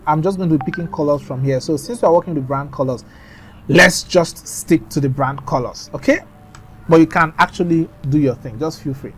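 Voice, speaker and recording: Chatty man teaching a design tutorial. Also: on the high side. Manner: chatty, instructive, trailing off into mumbles. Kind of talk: screen-recorded design tutorial.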